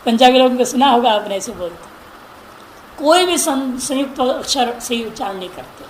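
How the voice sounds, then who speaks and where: A man teaching Sanskrit grammar in a classroom lesson, chanting word forms slowly and correcting pronunciation with repeated examples. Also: very high voice, lively intonation. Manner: recites word forms in slow drawn-out chants. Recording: echoey room with faint noise.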